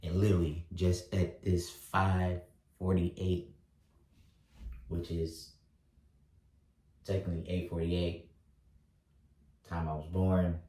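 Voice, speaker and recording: A thirty-year-old man vlogging, talking slowly through his thoughts with lots of fillers and restarts. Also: deep voice, little pitch movement, mellow, distant mic. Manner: halting, many fillers and restarts. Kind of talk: reflective casual monologue. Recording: roomy echo, voice set back from mic.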